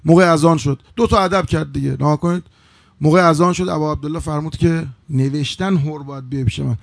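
Gravelly preacher man, dry close sound. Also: steady tone, no echo. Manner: swings from hushed to loud, high-pitched emotional outbursts; drawn-out chanted Arabic phrases. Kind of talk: storytelling sermon.

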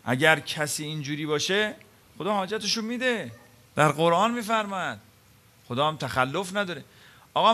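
Preaching with a high voice, this man delivers dramatic stories in his sermon, asking rhetorical questions along the way. His delivery moves from loud, emphatic moments to hushed quiet.

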